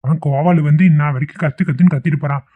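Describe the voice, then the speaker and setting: Male actor for a gossiping older village husband with a Kongu Tamil accent, slightly high voice, lo-fi phone sound. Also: fairly even intonation, racing, close to an everyday voice. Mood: grumbling. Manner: grumbling, gossiping. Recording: tinny lo-fi phone-like audio.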